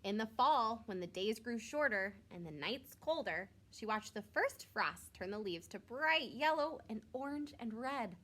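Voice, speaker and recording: A woman's voice: a little high, lively intonation, measured pace, few pauses, fairly bright tone. A woman reading a picture book aloud like a teacher to young children, expressively and with simple asides. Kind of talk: storybook read-aloud with short asides.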